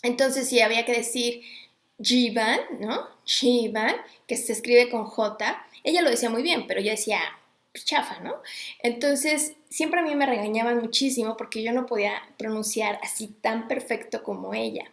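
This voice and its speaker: Woman rambling friendly-like about recitation, kinda high voice, echoey room. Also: moderate pace. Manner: chatty, digressive, greets viewers mid-talk. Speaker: host. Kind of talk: casual live talk on Sanskrit recitation.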